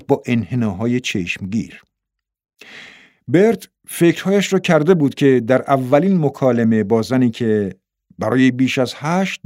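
A man narrates a story at an even, steady pace, voice sitting in a middle register. His delivery is measured storytelling. The sound is dry and close with no room echo. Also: mid-range voice. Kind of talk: audiobook narration.

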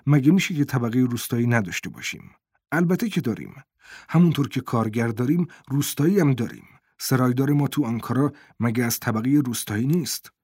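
A man reading the lines of a sharp-tongued, scornful wife in a storybook reading, scolding in a slightly raised voice. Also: mid-range voice, animated, breathy edge, no room sound, clean studio sound. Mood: soothing.

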